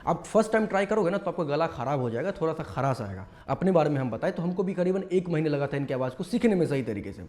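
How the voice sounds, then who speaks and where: A man's voice: fairly high pitch, animated, fast talker, hardly any pauses, darkish tone. Chatty man teaching mimicry. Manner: chatty, explains step by step with many fillers. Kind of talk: casual tutorial talk.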